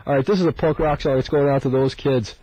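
A man's voice: medium pitch, fairly even intonation, fast, mellow, husky, no echo, rough recording. A young man in his twenties, a late-night college radio DJ, with dry, joking, laid-back patter.

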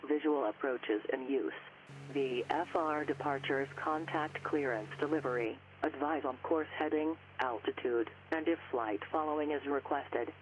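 A man's voice: mid-range voice, normal speed. A man reading an airport weather broadcast over aircraft radio, clipped and formal, reciting figures one after another. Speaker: automated airport information broadcast. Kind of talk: formal recorded aviation announcement. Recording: muffled radio with faint static.

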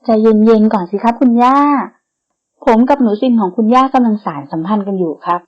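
A woman's voice: on the high side, fairly quick, husky. A woman voicing a cocky young playboy grandson who stays polite while sounding smug, in a slightly dull recording.

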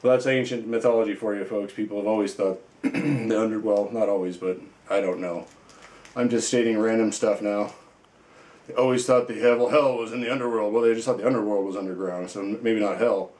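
Low-voiced male toy reviewer, loose and playful, rambles freely, roomy reverberant sound. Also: fairly even intonation, a little fast, darkish tone. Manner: rambling and playful, many fillers. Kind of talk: casual unboxing chat.

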